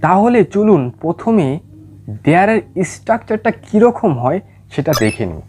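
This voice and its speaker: A grammar teacher talks through a lesson with lively, rising and falling pitch at a middle level. English example sentences are read out slowly and carefully, then explained. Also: husky. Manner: slow explanatory pace when reading English examples.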